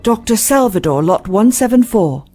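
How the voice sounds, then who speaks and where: A woman's voice: on the high side, lively intonation, moderate pace, dark tone, lightly acted. A woman playing a jaded, frank hospital doctor in an audio drama, skeptical and matter-of-fact. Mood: puzzled, alarmed.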